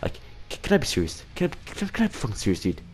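A man's voice: medium pitch, huge pitch swings, rapid-fire, a little mellow, a little hiss or hum. A man hosting a casual year-in-review vlog, rambling, swearing and mocking himself, tagging "dude" onto nearly every sentence. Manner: rambling, profane and self-mocking, keeps saying "dude". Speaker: channel host.

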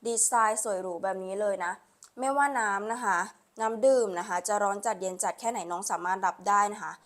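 A woman selling on a live stream, with a repetitive, urging sales pitch full of polite particles. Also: a bit bright. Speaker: live-stream online seller.

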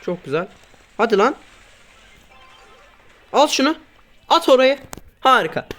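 A man doing casual gameplay commentary, grumbling and swearing at his teammates, then breaking into sudden loud outbursts. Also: extremely high pitch, very animated, a little slow. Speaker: gaming YouTuber.

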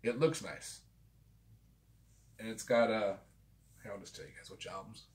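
A tipsy vinyl collector rambles at his desk for his channel, loose, chatty and freely swearing, in a small room with framed pictures and a guitar. His voice sits fairly low, a little mellow, and moves at a slightly slow pace.

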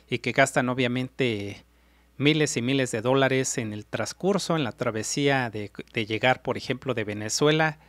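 A middle-aged Mexican man hosts a reaction vlog, speaking in a mid-range, slightly bright voice and earnestly addressing his viewers while repeating his points. He sits in an indoor room in front of a city backdrop, using a large desk mic and in-ear monitors, with no room sound.

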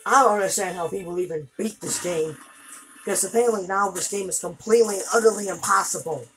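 A woman's voice: medium pitch, fast, a bit bright, soft background music, rough recording. A woman commenting on her gameplay as she plays, frustrated, exclaiming and cursing at the game. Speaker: gamer.

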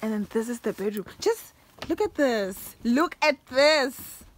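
Softly spoken young woman touring a lodge. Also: a little high, lively intonation, unhurried, a little hiss or hum. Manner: chatty, easily delighted, gushing. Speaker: vlogger. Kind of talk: casual house-tour narration. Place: holiday lodge, indoors. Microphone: handheld phone camera.

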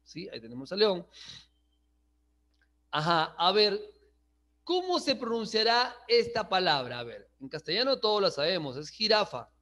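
This man's high, sharp voice has a sing-song quality, moving at a moderate pace with long pauses. He teaches English online, switching languages, checking understanding with frequent "¿sí?" and often chuckling.

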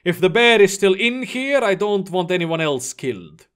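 A man's voice: sits high, big pitch swings, moderate pace, a bit bright, clean tone. A man voicing a tense male base commander who asks urgent, alarmed questions.

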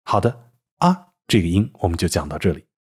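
A man's voice: deep voice, sing-song, brisk, slightly rough. A man narrating a scripted pronunciation lesson, carefully demonstrating sounds and explaining them step by step. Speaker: English pronunciation teacher.

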